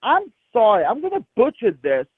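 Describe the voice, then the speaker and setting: A man from Florida calls in to a sports show over the phone and rambles excitably through his points with plenty of jokes. His voice sits high, and the line is thin and tinny. The sound is dry and close. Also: normal speed, breathy edge, no echo. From Crestview, Florida, US. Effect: heard over a phone line. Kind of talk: casual phone-in chat.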